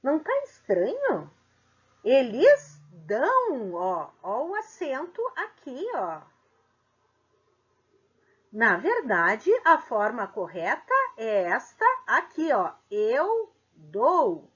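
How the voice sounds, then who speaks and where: A woman's voice: fairly high pitch, big pitch swings, a bit bright, slightly rough. A woman teacher, giving a grammar lesson and asking the class questions. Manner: slow, explanatory, asks the class questions. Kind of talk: grammar lesson for middle school. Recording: dull lo-fi sound.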